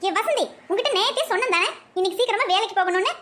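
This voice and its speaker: A woman voicing a gruff, impatient working husband in a cartoon, with a Kanyakumari Tamil accent, barking orders. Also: very high-pitched, animated, very fast, a bit bright.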